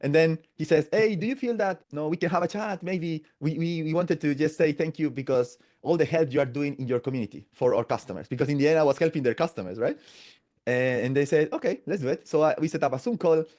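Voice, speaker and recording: This man in his 40s is a podcast guest from Latin America whose first language is Spanish, telling stories casually in an interview. He has a somewhat high voice with a darkish tone. His talk is chatty and halting, full of restarts and tag questions like "no?" and "right?".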